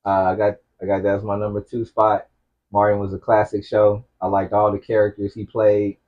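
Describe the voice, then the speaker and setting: A man co-hosting a casual podcast chat, talking in a relaxed, rambling way, often repeating himself and restarting his sentences. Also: lowish voice, normal speed, phone-quality sound. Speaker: podcast co-host. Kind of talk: casual chat about TV shows.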